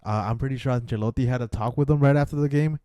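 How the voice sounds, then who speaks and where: Talking football on a podcast, a male co-host stays relaxed, swears casually, and keeps calling his partner "dude." His medium-pitched voice races along, clear and resonant, with no echo.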